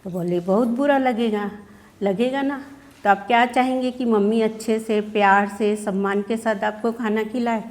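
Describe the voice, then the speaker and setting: A woman's voice: mid-range voice, fairly even intonation, moderate pace. A woman schoolteacher at a workshop, explaining how she teaches children, asking questions and acting out their answers. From India. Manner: explains with questions, often adds "है ना?". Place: workshop session.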